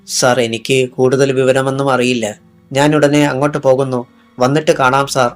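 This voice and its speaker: A man's voice: medium pitch, little pitch movement, normal speed, faint music behind, close to an everyday voice. A man reading the part of a flustered, cornered police inspector in an audiobook.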